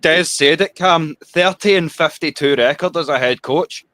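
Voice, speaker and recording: A man's voice: fairly high pitch, moderate pace, bright, forceful tone, dry recording. A Scottish man chatting bluntly on a watch party. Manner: blunt, swears. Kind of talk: casual live watch party chat.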